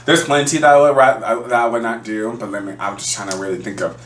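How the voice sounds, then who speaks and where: A man co-hosting a casual chat podcast, an animated storyteller who laughs often. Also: lowish voice, fast, recorded from a distance. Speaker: podcast co-host. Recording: roomy, off-mic.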